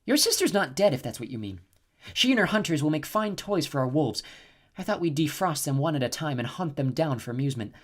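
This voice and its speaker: A man performs a cold, scheming snow goddess in a storybook reading, giving her a quiet, purring, sing-song voice pitched above his own narrating voice and delivered briskly. She gloats icily over her enemies, her words gentle in sound but icy in intent.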